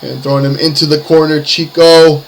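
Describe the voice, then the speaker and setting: A man's voice: a little high, little pitch movement, normal speed, creaky, noisy background. A man working as a lucha libre announcer, calling wrestling play-by-play in short, building phrases. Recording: music behind the commentary. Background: music.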